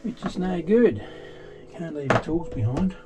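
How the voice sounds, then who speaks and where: An older man with an Australian accent walks through a boat's engine room on his vlog, talking in a halting, rambling way full of ums and restarts, tired and frustrated. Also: a little high, lively intonation, over loud music, low-quality recording. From Tasmania, Australia. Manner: weary and frustrated. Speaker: boat repair vlogger. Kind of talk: casual walkthrough vlog. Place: boat engine room, indoors.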